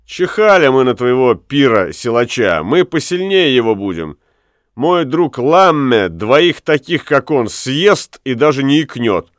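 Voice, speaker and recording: A man voicing a cocky young male prankster who taunts loudly and mockingly. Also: mid-range voice, big pitch swings, a little slow, no room sound, clean studio sound, voice pushed up. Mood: boastful. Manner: loud, taunting.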